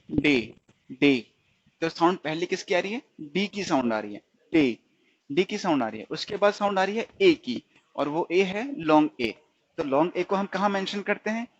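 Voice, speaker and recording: A man teaching a stenography lesson, asking his students questions and answering them himself, repeating each sound slowly. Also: high-pitched, no echo, muffled recording. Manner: slips into English definitions. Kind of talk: recorded shorthand lesson.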